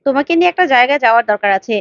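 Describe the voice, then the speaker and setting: A woman's voice: sits high, animated, racing, dry recording, muffled recording. A woman voicing a scheming man in a retold serial, speaking curtly and with smug suspicion. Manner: suspicious, curt then smug. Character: scheming adult male family friend.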